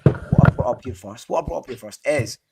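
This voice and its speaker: A man with a Scottish accent hosts a football chat in a hoarse voice worn out from shouting. He rambles in a matey, enthusiastic way, at a middling pitch. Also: animated, a little fast. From Scotland. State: hoarse, voice partly lost from shouting. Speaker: podcast host. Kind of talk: casual fantasy football chat.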